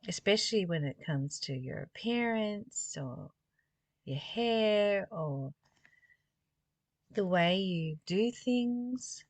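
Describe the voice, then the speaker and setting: Speaking slowly but with animation in a medium-pitched voice, a woman works through a spiritual text, reading passages and offering loose, reflective commentary laced with rhetorical questions. The recording is dry.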